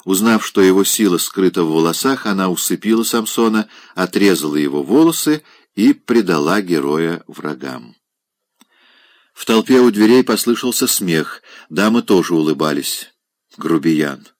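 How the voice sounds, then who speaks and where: A man narrating a classic novel as an audiobook in an expressive, measured reading. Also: sits low, no room sound.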